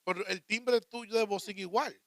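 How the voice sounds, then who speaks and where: Dominican man, radio co-host, high bright voice, loud and joking. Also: normal speed, vocal fry, no room sound, studio quality. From Dominican Republic. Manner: loud, joking, animated storyteller.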